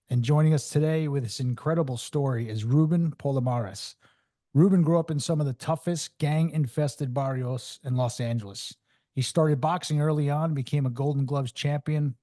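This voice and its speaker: A man hosting a podcast, reading a calm scripted intro and then interviewing a guest. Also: a little high. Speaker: podcast host.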